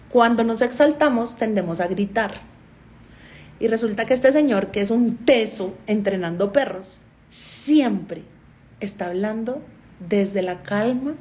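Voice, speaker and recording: A Colombian woman who is a doctor and therapist gives a motivational talk to an online audience, telling stories and often acting out the dialogue. Her voice is mid-range and a little mellow.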